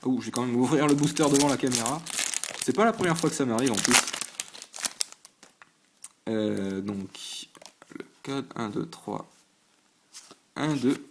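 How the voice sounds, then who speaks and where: At home at a desk under a lamp, a channel host opens trading card packs on camera, chatting hesitantly with lots of stumbles, fillers and restarts while listing each item with a quick reaction. His medium-pitched voice is gravelly, with background noise behind it.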